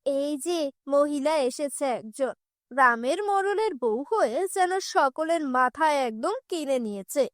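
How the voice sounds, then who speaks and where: A poor village woman in a cartoon who grumbles with resentment about a rich neighbour as a woman voices her. Her voice sits very high and sounds indignant. The sound is dry and close. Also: animated, unhurried, dry recording. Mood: resentful.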